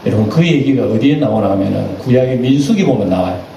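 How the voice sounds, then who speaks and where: A male pastor preaching a sermon, animated and acting out voices as he goes. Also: medium pitch, fast talker, vocal fry. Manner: animated, acts out quoted voices. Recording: echoey church hall, distant mic, faint noise.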